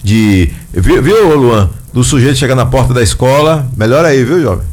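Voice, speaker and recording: A man's voice: medium pitch, animated, moderate pace, crowd noise. Chatty man hosting radio. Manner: chatty and folksy, tags lines with "né?". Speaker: radio host. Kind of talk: casual radio talk show chat.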